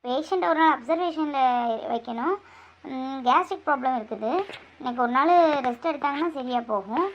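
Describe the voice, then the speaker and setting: A woman voicing a brisk hospital nurse in a homemade family skit, calmly giving instructions about tests, rest and medicine. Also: sits high, pitched below the performer's own voice. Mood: instructing. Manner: matter-of-fact, giving instructions. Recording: dull lo-fi recording.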